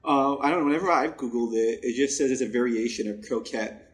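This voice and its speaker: A young man co-hosting a podcast in casual chat, relaxed, laughing easily and stammering a little. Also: mid-range voice, quick pace. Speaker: podcast co-host.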